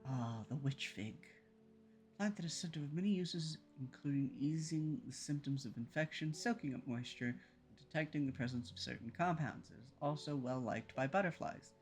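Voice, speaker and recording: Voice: medium pitch, moderate pace. A livestreamer playing a game, reading its text aloud and chatting casually, with playful exclamations and murmured asides. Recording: game music behind the voice.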